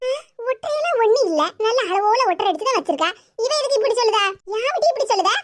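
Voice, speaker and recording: A woman voicing an argumentative, defensive grown daughter in a cartoon, in a high, squeaky voice. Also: expressive, fast talker. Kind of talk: cartoon voice acting.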